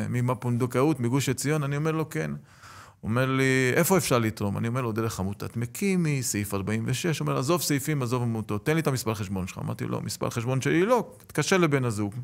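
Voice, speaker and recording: A middle-aged man with a gravelly, fry-edged voice tells stories in an interview. He is a rabbi and lecturer, and his delivery is animated as he acts out the voices of the people he quotes. His pitch sits in an ordinary middle range. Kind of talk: storytelling in an interview.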